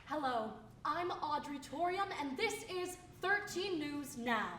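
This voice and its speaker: A woman's voice: high-pitched, expressive, takes it slowly, over a noisy crowd. A woman playing a bubbly TV news anchor in a comedy sketch. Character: chirpy female TV news anchor. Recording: roomy, distant, noisy.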